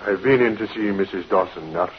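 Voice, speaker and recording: An actor playing a courteous, sympathetic doctor in a vintage radio drama, formal and kindly, on a muffled, hissy recording. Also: male voice, deep voice, fairly quick, lightly acted. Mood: regretful. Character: courteous, sympathetic, businesslike male attending doctor. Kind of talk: 1950s radio acting.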